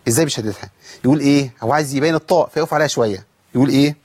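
Brisk Egyptian man teaching recitation. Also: mid-range voice, darkish tone, slightly rough. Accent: Egyptian Arabic. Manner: explains briskly, then draws out sounds slowly to demonstrate them. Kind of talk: tajweed lesson.

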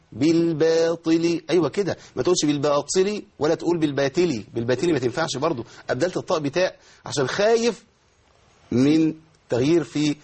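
Egyptian man as recitation teacher, rapid and a little raspy, calls on students and models verses slowly. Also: medium pitch, darkish tone. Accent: Egyptian Arabic. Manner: quizzes students by name, demonstrates verses slowly. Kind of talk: tajweed lesson with students.

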